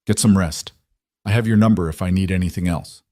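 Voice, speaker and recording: A man voicing a calm, authoritative female detective in a read-aloud story, lowish and dry. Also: a little fast, no room sound, lightly acted. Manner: calm, firm.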